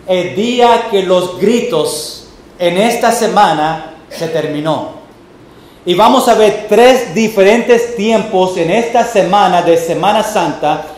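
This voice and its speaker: A man preaching a Sunday sermon as pastor, slow and deliberate, with homely family examples and a few English words mixed in. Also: sits high, a little mellow. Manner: mixes English words into Spanish. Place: church sanctuary. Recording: echoey church room.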